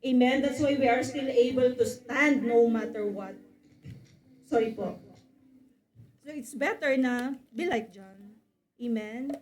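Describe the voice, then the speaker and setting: A woman preaches a sermon, switching between English and Filipino and pausing for amens from the congregation. Her voice sits high, and she raises it further when she acts out quoted exchanges. The sound carries the echo of a large room. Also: a little mellow.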